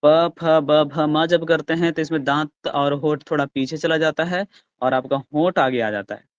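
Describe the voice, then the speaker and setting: Hindi grammar teacher sounding out letters. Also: male voice, on the high side, no echo, lo-fi sound. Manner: explains step by step, asks the class questions and answers them himself; sounds out letters slowly and loudly. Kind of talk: online class lecture.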